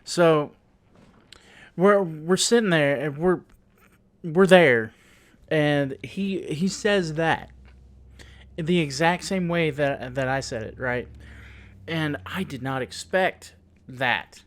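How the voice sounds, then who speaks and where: A man telling a story on his vlog, halting and amused, laughing at himself as he goes. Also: fairly high pitch. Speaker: YouTuber.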